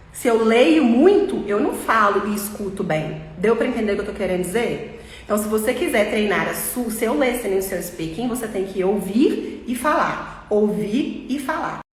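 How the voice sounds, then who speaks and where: A Brazilian woman with a slightly high voice gives an informal English lesson. She explains patiently and step by step, repeating her key points. Her voice rings in an echoey room with a long reverb tail and faint ambience behind it. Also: lively intonation, measured pace, slight background noise. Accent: Brazilian Portuguese. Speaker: English teacher.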